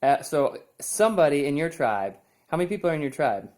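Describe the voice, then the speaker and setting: A man's voice: on the high side, big pitch swings, fairly quick, darkish tone. A curious man runs a casual interview. He asks short follow-up questions and often repeats the answers back as questions.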